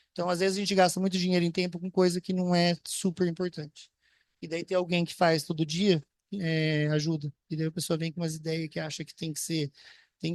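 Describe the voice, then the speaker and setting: Male physician-educator, higher voice, rapid talker, panel talk. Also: no room sound, clean studio sound. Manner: fast, thinks aloud with restarts and quoted examples. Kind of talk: case discussion panel talk.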